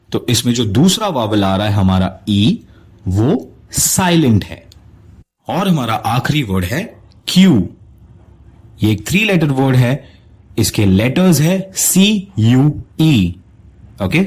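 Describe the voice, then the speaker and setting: A man teaching English pronunciation to viewers in a recorded lesson, slowly sounding out each word and encouraging them to keep practicing. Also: mid-range voice, darkish tone, husky. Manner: encouraging, addresses viewers directly.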